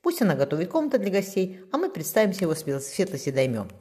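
A woman's voice: lowish voice, very animated, fast, dark tone, pitched above the performer's own voice. A woman voicing a middle-aged samurai father in an audiobook. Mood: calm.

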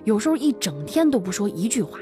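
A woman's voice: mid-range voice, big pitch swings, fast talker, warm tone, soft background music. Dramatic woman storyteller. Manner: dramatic, full of sighing interjections. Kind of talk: animated storytelling chat.

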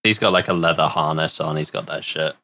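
A man's voice: a bass voice, a little fast, bright, forceful tone. A man co-hosting a podcast, chatting playfully and laughing. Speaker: podcast co-host. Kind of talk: casual comedic chat.

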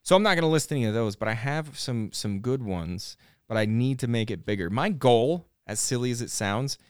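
A man hosting a podcast, talking in a loose, rambling way full of fillers and false starts. His voice is smooth and resonant. The sound is close and dry, with no room around it. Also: medium pitch, moderate pace, no echo. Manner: relaxed, rambling, with frequent fillers and restarts. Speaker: podcast host. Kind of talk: casual chat. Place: podcast studio.

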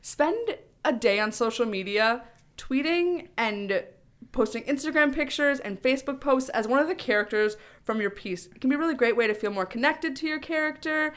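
A woman's voice: high-pitched, animated, moderate pace, a bit bright. A woman speech coach co-hosting a podcast, chatting in an upbeat way with many fillers. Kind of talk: casual podcast chat.

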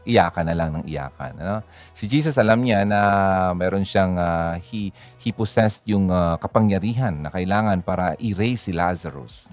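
Chatty low-voiced man talking on radio. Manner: chatty, code-switching, many fillers and "ha?" tags. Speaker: radio host. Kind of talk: casual radio talk on grief and faith.

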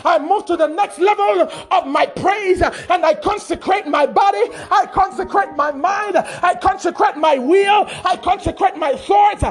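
A man leading a fervent prayer, shouting short repetitive phrases with an "uh" before nearly each one. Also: very high voice, normal speed, hardly any pauses. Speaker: prayer leader.

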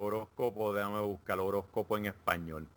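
A man's voice: fairly low pitch, fairly even intonation, normal speed, background noise. A man in casual chat, jokingly reading horoscopes aloud with silly asides.

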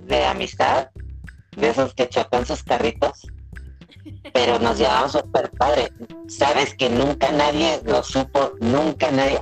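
A woman's voice: on the high side, vocal fry, poor audio. Mexican woman with a robotic, glitchy call voice. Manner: candid, chatty, laughing often. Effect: robotic, glitchy voice from a breaking-up call connection. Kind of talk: casual chat on a recorded conversation. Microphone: video call.

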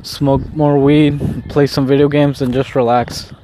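A man talking casually to himself on a walk, high on weed, with a laid-back, repetitive stoner drawl. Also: little pitch movement, measured pace, noisy background. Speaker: vlogger recording an audio diary. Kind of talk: rambling casual solo chat. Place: outdoors, walking along.

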